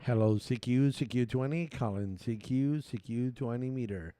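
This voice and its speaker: A man's voice: mid-range voice, normal speed, mellow, dry recording. A man working as an amateur radio operator, making a ham radio call and spelling call signs in the phonetic alphabet.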